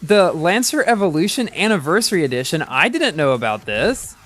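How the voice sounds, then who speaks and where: Male live streamer, bright animated voice, casual running commentary over faint music. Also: on the high side, fairly quick. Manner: chatty, reacts aloud to the game, many restarts. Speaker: game streamer.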